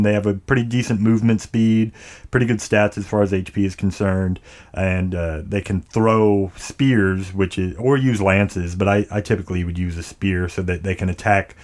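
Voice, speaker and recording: A man's voice: on the low side, darkish tone. A man hosting a casual video game chat, swearing freely, with slightly impeded speech after dental work. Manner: casual, profane. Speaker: podcast host.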